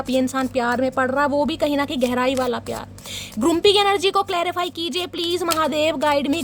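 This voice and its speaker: She's a tarot reader giving her viewers a dramatic, teasing reading and calling them "guys" and "darling." Her voice is high, and a little hiss or hum runs under it.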